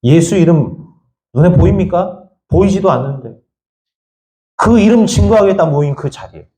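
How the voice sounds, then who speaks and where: A man preaching a sermon in a church sanctuary, his fairly high voice leaping up and down as he presses the congregation with question after question. He rises to loud high peaks, then drops to low quiet asides. The room around him rings with echo. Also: animated, normal speed. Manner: emphatic, fires repeated rhetorical questions at the congregation; swings between raised high lines and low quiet asides. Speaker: pastor.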